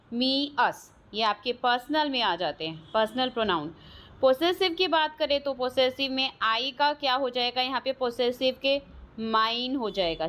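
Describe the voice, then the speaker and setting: Slow-speaking Indian woman teaching grammar. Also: sits high, a bit bright. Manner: slow, drawn-out, checks understanding with "clear?". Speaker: English teacher. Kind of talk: grammar lesson mixing Hindi and English.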